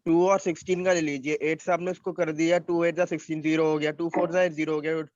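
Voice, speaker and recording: A man's voice: fairly high pitch, level tone, quick pace, a little mellow, highs cut off. A young man, a student pressing his teacher politely about a mistake in an online class. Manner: insistent, polite, keeps saying ma'am.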